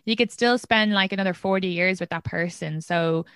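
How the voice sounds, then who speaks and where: A woman's voice: on the low side, moderate pace, fairly bright tone, smooth, no echo, studio quality. Chatty woman podcast host. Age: 30s. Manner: chatty, laughs often. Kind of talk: casual podcast chat.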